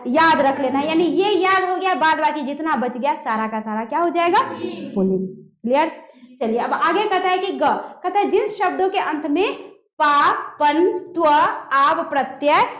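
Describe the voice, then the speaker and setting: Female grammar teacher, very high-pitched, echoey room, quizzes the class and answers her own questions. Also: animated, measured pace, fairly bright tone. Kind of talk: classroom-style grammar lesson.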